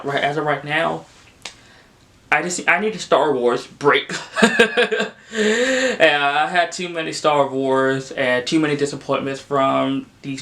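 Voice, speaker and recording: Young male film vlogger, casual and exasperated, loose rambling delivery with lots of fillers, mid-pitched voice. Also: a bit bright. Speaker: film reviewer. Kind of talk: casual spoken movie review.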